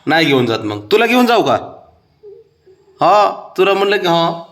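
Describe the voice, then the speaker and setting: Animated man teasing his pets. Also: sits high, normal speed. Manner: teasing, coaxing, sing-song baby talk. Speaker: pet owner talking to his cats. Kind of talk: playful talk to pets at home.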